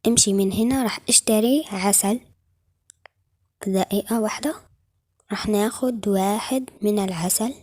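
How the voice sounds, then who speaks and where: A woman's voice: medium pitch, normal speed, long pauses, darkish tone, no room sound, clean studio sound, natural voice. A woman with an Egyptian Arabic accent voicing a busy mother giving her daughters orders in a game role-play. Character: busy, caring mother of two girls.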